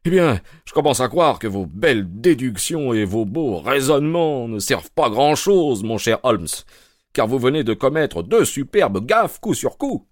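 A man voicing a boastful middle-aged police inspector who talks indignantly and with a sharp tongue. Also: mid-range voice, sing-song, unhurried, voice pushed up.

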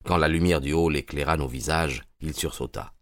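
A man narrating an audiobook in a steady, measured way. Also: rumbling low, dry recording, clean studio sound.

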